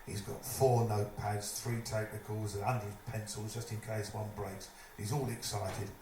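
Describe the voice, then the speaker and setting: A man's voice: fairly low pitch, normal speed. Man telling a story in an echoey room. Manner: lively, mimics other people's voices while telling a story. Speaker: storyteller at a live evening event. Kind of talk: anecdotal stage storytelling. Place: live event venue, indoors. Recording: echoey room, distant mic, noisy.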